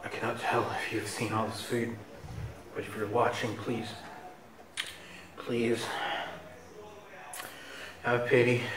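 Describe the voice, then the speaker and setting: A man's voice: on the low side, roomy sound, far from the mic. A man doing a parody food review, talking muffled through a face mask with mock-melodramatic complaints. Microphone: head-mounted camera.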